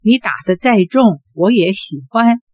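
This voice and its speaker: A woman's voice: medium pitch, expressive, a little slow, a little mellow, breathy edge, no room sound. Woman reading as a cheeky teenage boy. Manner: playful, wheedling. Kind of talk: audiobook character voice.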